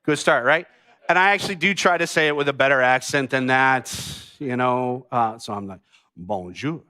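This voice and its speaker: A man's voice: mid-range voice, fairly even intonation, normal speed, pushed and bright, smooth. A man, a pastor giving a sermon as a funny personal story to his congregation. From United States.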